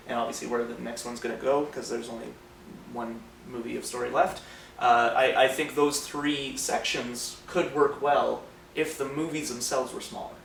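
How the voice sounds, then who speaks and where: A man's voice: mid-range voice, gravelly, a bit bright. A man co-hosting a film podcast, chatting casually and rambling with many fillers. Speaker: podcast co-host. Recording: roomy, distant mic, faint noise.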